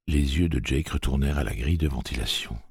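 Very deep, gravelly audiobook narrator. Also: male voice, fast, darkish tone, dry recording, clean studio sound.

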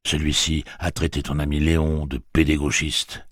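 A man's voice: extremely low pitch, normal speed, dry recording, studio quality. A man reading a stern gunslinger mentor. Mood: cold. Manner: flat, blunt, commanding.

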